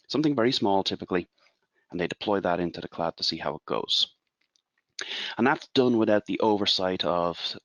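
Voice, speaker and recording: Low-voiced with a fairly bright tone, a consultant from Ireland in his forties presents a webinar without any echo. He explains things in a measured manner and poses rhetorical questions along the way.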